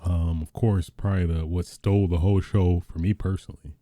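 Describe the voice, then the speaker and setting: A man hosting a casual gaming podcast talks in an excitable, rambling way, often restarting and trailing into fillers. His voice is low and very dark. He is close to the mic in a dry sound. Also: fairly quick, dry recording. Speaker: podcast host.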